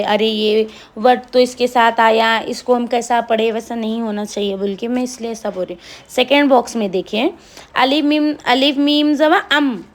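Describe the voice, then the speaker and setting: A woman teaching Quran reading, patiently spelling out letters and vowel marks one by one. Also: high-pitched. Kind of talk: slow step-by-step tajweed lesson.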